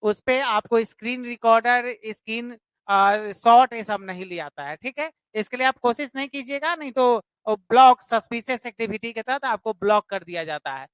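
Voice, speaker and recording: Brief: woman, online tutor, fairly high voice, dry close sound, keeps repeating and quizzing. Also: normal speed, clear, resonant tone, no echo. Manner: repetitive, explanatory, questions students directly. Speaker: English teacher. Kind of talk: live online grammar class.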